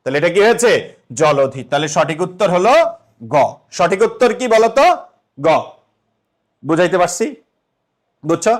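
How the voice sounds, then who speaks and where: A man's voice: high voice, expressive, moderate pace, long pauses. A young man teaching an exam-prep lesson, asking the students questions and then answering them himself.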